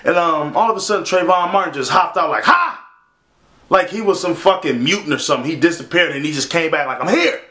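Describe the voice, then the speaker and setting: A man's voice: on the high side, fast, few pauses, sharp tone. Profane, sarcastic man ranting in an echoey room. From Minnesota. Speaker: vlogger. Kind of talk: casual ranting commentary.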